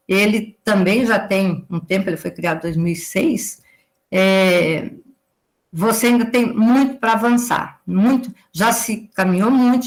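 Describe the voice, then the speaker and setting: A woman in her forties from southern Brazil giving a lecture as an agricultural consultant, explaining at length and tagging her sentences with a questioning "right?". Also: medium pitch. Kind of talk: live lecture to students.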